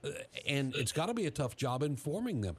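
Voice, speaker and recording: A man hosting a radio panel discussion, asking questions in a measured, deliberate way. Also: a little high, sing-song, husky. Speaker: talk show host.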